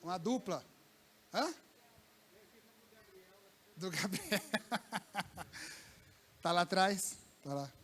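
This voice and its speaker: A man preaching a lively sermon to young people in a church service, colloquial and slangy, swinging between loud bursts and hushed lines. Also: sits high, extremely slow, pauses often. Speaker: pastor. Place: church service with a live congregation.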